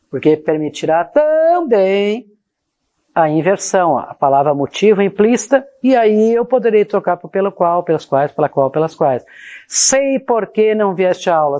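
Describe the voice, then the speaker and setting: A Portuguese teacher with a fairly low, dark-toned voice teaches a grammar lesson, explaining each point and speaking directly to her students. She frequently checks they follow with words like "tá?" and "ó", and reads example sentences aloud with exaggerated intonation.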